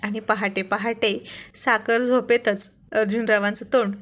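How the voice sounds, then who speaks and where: A woman narrating a romantic story in a gentle, expressive reading. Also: medium pitch, unhurried.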